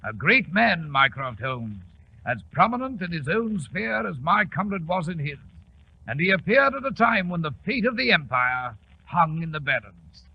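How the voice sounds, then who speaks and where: An actor playing a genial older British doctor who recounts adventures in a measured, theatrical, avuncular way for 1940s radio. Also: male voice, a little high, big pitch swings, vocal fry, breathy edge, exaggerated voice. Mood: genial, proud. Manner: measured, relishing, theatrical storytelling. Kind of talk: 1940s radio drama narration. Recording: muffled, noisy 1940s radio recording.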